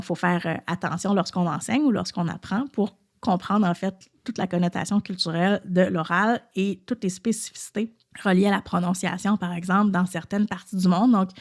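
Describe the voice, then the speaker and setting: A woman with a Québécois French accent, a podcast host and French teacher, explaining at an easy pace and thinking aloud with frequent hesitations. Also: on the low side.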